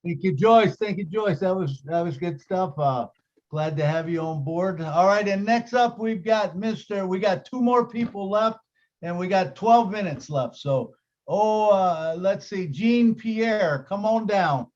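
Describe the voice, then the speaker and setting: Upbeat high-voiced male meeting host. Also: a little slow, darkish tone. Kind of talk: hosting an online meeting. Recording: lo-fi distant call audio.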